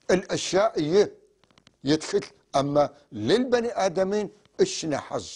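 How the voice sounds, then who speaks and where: A man teaching a language lesson, spelling out sounds slowly and deliberately. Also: on the high side, darkish tone, husky. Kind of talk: classroom lesson.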